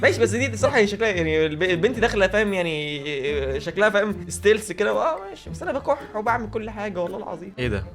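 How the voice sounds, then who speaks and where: Young man, Egyptian Arabic accent, fast talker, high animated voice, music behind. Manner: lively, laughing, swears often. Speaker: reaction video host. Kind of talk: casual reaction commentary.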